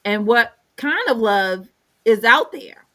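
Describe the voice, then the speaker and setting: A woman co-hosting a faith talk show, reading scripture aloud in a slow, measured way. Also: fairly high pitch, lively intonation, pushed and bright. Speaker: co-host.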